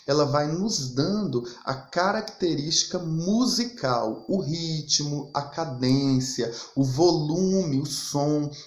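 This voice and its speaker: Lively teacher in an echoey room. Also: male voice, fairly high pitch. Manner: explanatory, rhetorical questions, emphatic. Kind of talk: recorded literature lesson over slides.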